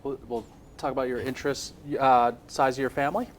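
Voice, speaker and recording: A man's voice: mid-range voice, fairly even intonation, fairly quick, a little hiss or hum. A man interviewing a guest, restarting his questions as he asks them.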